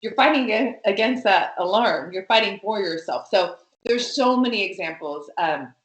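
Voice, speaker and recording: A woman guest talks with animated emphasis, stacking fillers and repeating herself as she builds a point. Her voice has a mid pitch. The recording picks up a noticeable echo from the room. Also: moderate pace. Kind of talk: conversational interview.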